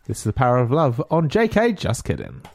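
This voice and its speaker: A young man presents casually as a radio co-host. His voice is mid-pitched with a highly animated melody. The delivery is informal and conversational. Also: brisk, gravelly. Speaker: student radio co-host choosing songs.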